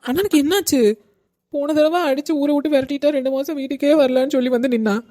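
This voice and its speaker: A woman voicing an exasperated, sharp-tongued cartoon housewife, sarcastic and scolding. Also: high-pitched, fast, lightly acted. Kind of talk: cartoon comedy voice acting.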